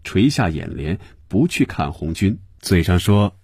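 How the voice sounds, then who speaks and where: A man narrating a novel in an expressive storytelling manner. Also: low voice, a little slow, slightly rough, dry recording, studio quality. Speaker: audiobook narrator.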